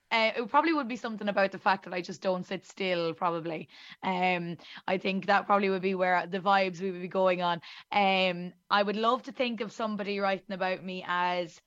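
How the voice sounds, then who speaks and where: A chatty Irish woman talks as a guest on a radio show, self-deprecating and quick to laugh at herself. Her voice sits at a middle pitch. The sound is dry and a little dull. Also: no room sound. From Ireland. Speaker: musician guest. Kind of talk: casual interview chat.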